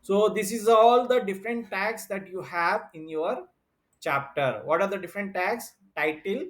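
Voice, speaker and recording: A man's voice: sits high, moderate pace, a bit bright. A man teaching an online computer class, explaining step by step with frequent fillers and repetition. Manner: explains step by step, repeats himself, many fillers.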